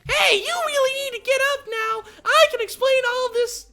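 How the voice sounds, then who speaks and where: A man putting on a high, squeaky voice for a pushy young female cartoon pony, with his overloaded mic clipping into fuzz distortion. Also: moderate pace, bright, forceful tone, full character voice. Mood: bossy. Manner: squeaky exaggerated reading of bad fan fiction. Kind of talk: comedic reading with friends. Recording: distorted peaking mic, sounding distant.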